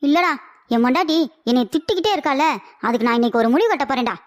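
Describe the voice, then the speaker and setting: A woman's voice: high-pitched, animated, rapid-fire, slight background noise. A woman doing a whiny, henpecked old husband. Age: older. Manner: whiny, pleading, dreamy. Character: henpecked older husband, lovesick and foolish. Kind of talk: cartoon comedy voice acting.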